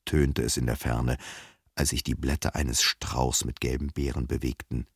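A man reading a children's audiobook aloud, with lively, expressive storytelling. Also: extremely low pitch, normal speed, breathy edge, no echo, studio quality. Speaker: audiobook reader.

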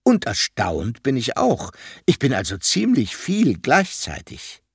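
A man voicing a puzzled, gentle male hedgehog in a children's audiobook, wondering and exclaiming. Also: mid-range voice, huge pitch swings, takes it slowly, vocal fry, breathy edge, no echo, studio quality, full character voice. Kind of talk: audiobook character voice.

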